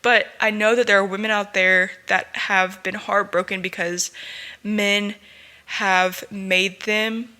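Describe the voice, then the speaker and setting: A woman's voice: mid-range voice, little pitch movement, takes it slowly, sharp tone. A young woman hosting a personal podcast, talking earnestly and emotionally, close to tears at times. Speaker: podcast host.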